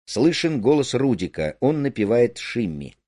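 A man reading a play aloud, giving the stage directions in a plain, measured way. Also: mid-range voice, sing-song, mellow, no room sound, studio quality. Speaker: reader.

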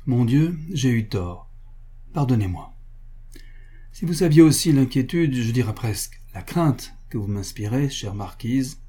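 A man's voice: mid-range voice, expressive, a little slow, dark tone, husky. A man voicing a lovesick, vexed prince. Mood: pleading. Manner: plaintive, flustered. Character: infatuated, vexed middle-aged prince. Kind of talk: audiobook character reading.

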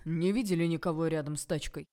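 A woman's voice: low-pitched, fast talker, mellow, lightly acted. A woman reading an audiobook, voicing a heavyset middle-aged man who grumbles and mutters. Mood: grumbling.

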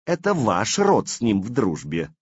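A man voicing a cunning, evasive nobleman who flatters his prince. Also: fairly low pitch, a little slow, husky, no room sound, dull audio, heavily acted. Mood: sly. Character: sly scheming older male boyar.

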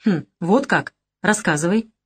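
A woman's voice: fairly low pitch, animated, a little slow, husky. A woman reading an audiobook, voicing a sly, teasing young woman who is a gangster's girlfriend.

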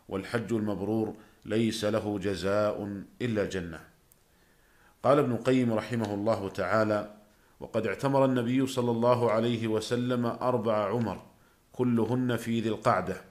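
A man with a fairly low voice delivers a scripted religious lecture. He speaks formal standard Arabic with measured, classical diction, in the manner of a scholar presenting on the radio. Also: darkish tone.

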